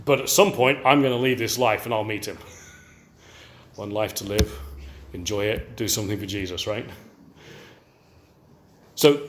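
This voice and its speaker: An older man from England preaching a sermon, animated and often checking in with the audience with rhetorical questions. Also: medium pitch.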